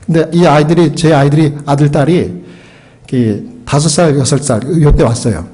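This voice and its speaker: A man's voice: a little high, normal speed, mellow, husky, rough recording. A middle-aged man from Korea preaching as a pastor, telling a story and acting out the dialogue, sometimes switching into English phrases. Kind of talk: sermon storytelling.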